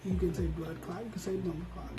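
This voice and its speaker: A man's voice: high voice, fairly even intonation, quick pace. A man co-hosting a casual chat show, arguing his opinions bluntly and with profanity. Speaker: podcast co-host. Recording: roomy sound with faint music.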